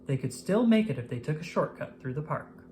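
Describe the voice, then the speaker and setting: Some background noise accompanies a woman narrating a children's tale a little fast. Her voice is low, and her intonation swings in a lively, expressive way aimed at young listeners.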